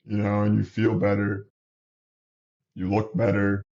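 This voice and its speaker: A man's voice: fairly low pitch, a little slow, dull audio. A man in his thirties, a basketball coach, chatting casually as a guest, sniffling, rambling with restarts. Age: 30s. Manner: relaxed, rambling, with many restarts. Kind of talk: casual interview chat.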